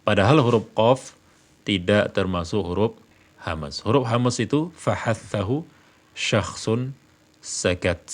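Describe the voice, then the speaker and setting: Slow low-voiced man teaching recitation. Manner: repeats "ya" often, drawls verses slowly. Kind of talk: explanatory religious lesson.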